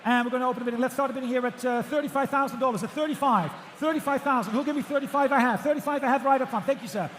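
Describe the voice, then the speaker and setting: A man working as an auctioneer, calling bids in rhythmic, repetitive number patter, projecting loudly to a room. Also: extremely high pitch, racing, few pauses. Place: large auction room with bidders. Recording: echoey auction hall, faint background noise.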